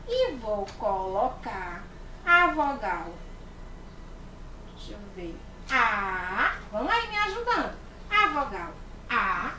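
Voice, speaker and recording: Brazilian woman teacher for little kids, slow and drawn out, room echo. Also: sits high, a bit bright, slight background noise. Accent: Brazilian Portuguese. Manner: slow, sing-song, exaggerated for small children. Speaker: primary school teacher. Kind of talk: online literacy lesson for young children. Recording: echoey room.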